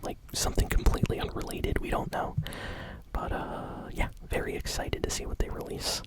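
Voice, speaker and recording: An ASMR host whispers gaming news softly the whole way through, with no voiced tone at all. The wording is casual and a bit hesitant but keen and enthusiastic, delivered at a normal speed.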